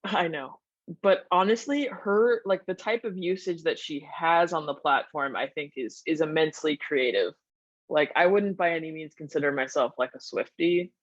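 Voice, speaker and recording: Casual male interviewer on a video call, loose filler-heavy delivery, slightly high voice, dull sound. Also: normal speed, no echo. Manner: relaxed, peppered with "like". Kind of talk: casual webinar discussion.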